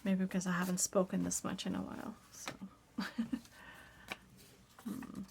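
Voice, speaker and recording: A woman with a raspy voice chatting casually as she works on a craft project, often dropping to a soft whisper. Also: fairly low pitch, monotone, unhurried, noisy background. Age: adult parent. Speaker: crafting video host.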